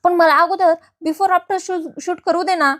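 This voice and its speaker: A woman voicing a young woman who pleads in a whiny, drawn-out way. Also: extremely high pitch, steady tone, fairly bright tone, no room sound, studio quality. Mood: pleading. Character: pleading young woman, keen on shooting videos.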